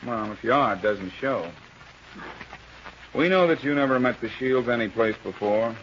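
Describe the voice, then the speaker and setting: A man's voice: mid-range voice, normal speed, fairly bright tone, lightly acted. Through the muffled, faintly noisy sound of an old radio crime show comes a man acting a tough small-town police detective. He talks like a 1930s beat cop, clipped and blunt, questioning with open suspicion. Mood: needling, suspicious.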